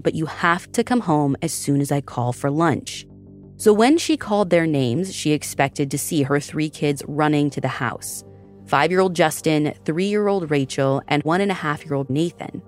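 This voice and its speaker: A woman hosting a podcast, narrating a true-crime story from a script in a measured, dramatic way. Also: deep voice.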